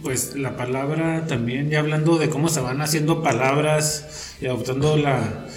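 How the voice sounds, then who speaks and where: A man's voice: a little high, fairly even intonation, normal speed. Man with northern Mexican border accent, echoey room. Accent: northern Mexican border Spanish. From El Paso and Ciudad Juárez region. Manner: agreeable, echoes and repeats words. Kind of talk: casual chat. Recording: roomy echo, faint music.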